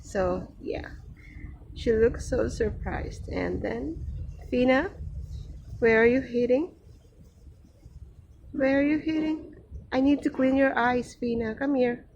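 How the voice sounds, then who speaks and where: A woman's voice: fairly high pitch, takes it slowly, vocal fry, pauses often, a little mellow, lo-fi sound, slight background noise. A young adult woman with a Filipino accent, vlogging casually outdoors in a garden and talking fondly to her cat, recorded on a handheld phone. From Philippines. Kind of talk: casual vlog narration.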